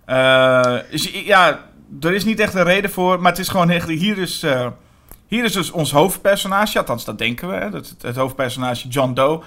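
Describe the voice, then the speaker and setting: A man co-hosting a podcast, talking casually about horror films in quick, animated bursts with many fillers. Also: on the high side. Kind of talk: casual film discussion.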